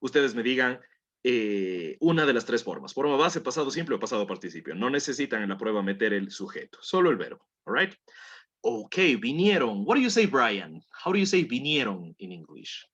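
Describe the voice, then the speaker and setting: A man's voice: medium pitch, big pitch swings, normal speed, fairly bright tone, slightly rough. A man teaching a language class, patiently coaxing students through pronunciation drills and repeating words for them to copy. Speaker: English teacher.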